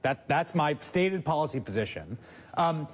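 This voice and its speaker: A male news host with a husky, breathy voice that swoops widely in pitch as he talks. He leads the panel, thinking aloud and restarting his sentences. The broadcast audio is slightly muffled. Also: big pitch swings, moderate pace. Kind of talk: cable news panel discussion.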